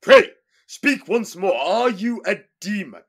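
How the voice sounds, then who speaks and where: A stubborn, haughty medieval tsar, acted by a man in a radio play, his gravelly voice pitched high and swinging widely as he laments and commands. He drags out his old-fashioned phrases slowly. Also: sing-song, exaggerated voice. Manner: archaic formal speech, wailing laments.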